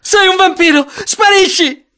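A reader voicing a terrified boy who shouts at vampires in panic. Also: very high voice, measured pace, pitched above the performer's own voice, exaggerated voice. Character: frightened boy facing vampire parents.

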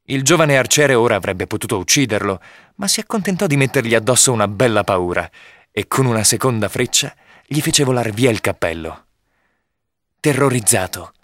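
A man reading a storybook aloud in a measured, expressive narration. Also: mid-range voice, no room sound, clean studio sound.

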